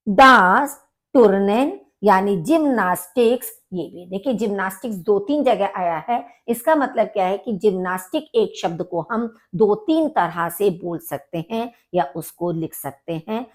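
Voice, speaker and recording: Woman teacher, slow deliberate delivery, repeats each word before explaining. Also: mid-range voice. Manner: says each German word slowly twice, then explains. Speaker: language teacher. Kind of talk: vocabulary lesson.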